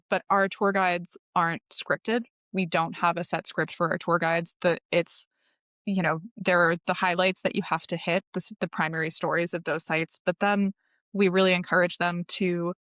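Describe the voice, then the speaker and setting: A woman's voice: lowish voice, a bit bright, dry recording, clean studio sound. A woman guest on a podcast, explaining her tour company in long, enthusiastic, informative answers. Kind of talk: podcast interview.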